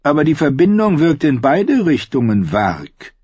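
A man voicing a meek, balding older skinchanger who speaks softly and mildly with quiet menace. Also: a little high, sing-song, measured pace, breathy edge, dry recording, voice pushed up, exaggerated voice. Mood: sinister. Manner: soft, mild, sinister. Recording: slightly dull, dry recording.

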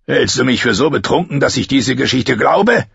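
A man voicing a drunk, scarred, brutal guard who taunts in slow, slurred, drawn-out phrases, in a slightly dull recording. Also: mid-range voice, lively intonation, creaky, fairly bright tone, slightly rough, dry recording, voice pushed up, full character voice. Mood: mocking.

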